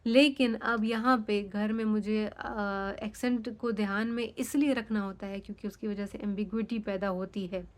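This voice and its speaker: Speaking at medium pitch with fairly even intonation, a moderate pace and few pauses, this young Pakistani vlogger talks frankly and casually. She is a native Sindhi speaker whose Urdu carries a Sindhi accent, and she mixes in English phrases.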